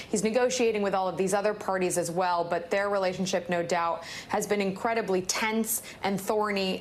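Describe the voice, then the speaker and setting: A woman's voice: medium pitch, a little hiss or hum. Woman reporting live news. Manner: measured, fluent reporting. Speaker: news correspondent.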